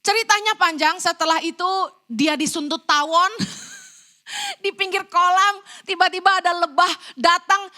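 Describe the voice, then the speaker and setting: A middle-aged woman preaching in a church, her voice high and bright. She tells her stories with animated energy, acting out what people said to her. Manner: animated storytelling, acting out quoted lines. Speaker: evangelist preacher. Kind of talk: sermon.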